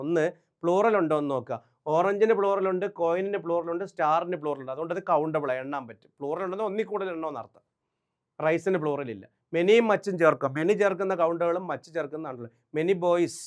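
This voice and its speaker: Man with a somewhat high voice, leading an emphatic exam-prep grammar lesson. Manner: quizzing, answers own questions, emphatic. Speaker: English grammar teacher.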